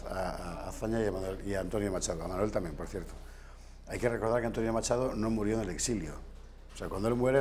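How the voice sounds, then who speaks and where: Deep-ish guy in his 50s on a tv studio panel, lapel mic, wanders off on tangents, bit of background hiss. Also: darkish tone. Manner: discursive, digressive, wry asides. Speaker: studio guest, author. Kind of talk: TV studio discussion. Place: TV news studio.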